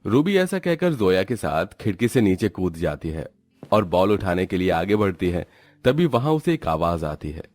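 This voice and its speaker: A man narrating a cartoon horror story in an even storytelling delivery. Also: deep voice, normal speed, no room sound, soft background music.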